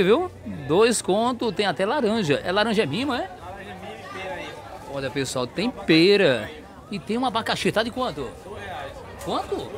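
A man with a Northeastern Brazilian accent hosting a walking vlog through an outdoor street market, chatty and asking vendors their prices. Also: high voice. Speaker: market vlogger host. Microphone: handheld mic.

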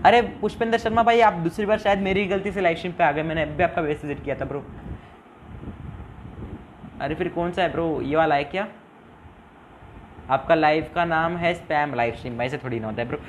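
A man's voice: a little high, a little fast, pauses often, slight background noise, poor audio. Chatty man streaming a game. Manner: chatty, pleads for subscribers, mixes English into Hindi. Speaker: live-stream gaming host. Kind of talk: casual live-stream chat reading viewer comments.

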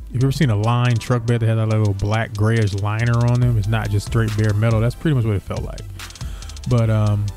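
A man with a fairly low voice walks through a kitchen how-to in a loose, unscripted way, stopping often on ums and uhs. Music plays clearly under his voice-over. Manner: relaxed, with many fillers and restarts. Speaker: cooking channel host. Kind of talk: casual voice-over tutorial. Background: background music.

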